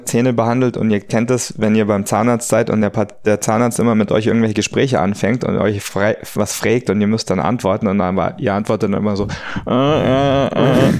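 A man in his thirties, born in the United States, talking casually as a podcast co-host, relaxed and easygoing, with frequent fillers. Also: on the low side, no echo, studio quality. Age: 30s. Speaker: podcast co-host, trauma surgeon.

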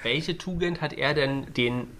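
A man's voice: on the high side, measured pace, over a noisy crowd. A man co-hosting a podcast, steering the chat with questions. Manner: inquisitive, steering the topic. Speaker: podcast co-host. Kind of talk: casual chat.

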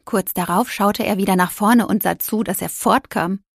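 A woman narrating a children's story in an expressive storytelling manner. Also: mid-range voice, normal speed, creaky, dry recording, clean studio sound. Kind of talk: audiobook narration.

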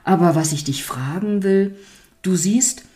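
A woman reading a storybook aloud, voicing a small, curious old woman who speaks gently and with understanding. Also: on the low side, measured pace, close to an everyday voice. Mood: gentle.

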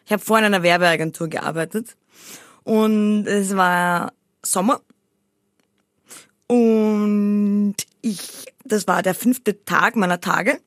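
A woman's voice: medium pitch, slow pace, pauses often, no echo, clean studio sound. A young woman, co-hosting a podcast and telling a rambling story with many restarts. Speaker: podcast co-host. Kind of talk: casual chat.

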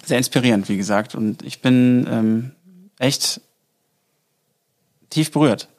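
A man hosts an interview podcast and thanks his guest with care. He talks slowly, pausing with fillers as he looks for words. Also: medium pitch. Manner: warm, appreciative, hesitant with fillers. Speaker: podcast host. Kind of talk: interview conversation.

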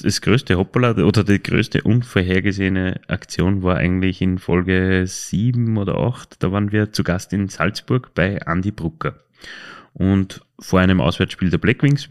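A low-pitched Austrian man hosts a podcast, chatting casually and telling anecdotes. He talks in a hesitant, colloquial way and often corrects himself.

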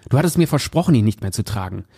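A man's voice: lowish voice, sing-song, very fast, dark tone, slightly rough, exaggerated voice. A man reading aloud the lines of a stubborn young man who speaks curtly and with disgust to his fiancée. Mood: scornful. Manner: curt and scornful.

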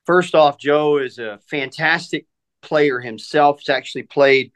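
A man's voice: on the high side, measured pace, fairly bright tone. A man in his mid-forties talking casually as an interview guest. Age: 40s. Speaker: guest, professional golf caddy.

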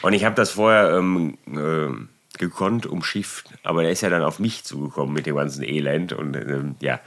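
A man telling a work story in casual chat, animated and exasperated, with many restarts and tag questions. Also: a bass voice, normal speed.

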